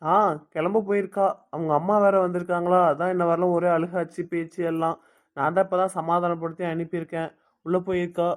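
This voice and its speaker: An easygoing young husband in an amateur family drama, played by a man, with a fairly high voice. He talks on in a relaxed, friendly way. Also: a little fast, lightly acted. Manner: easygoing, talkative.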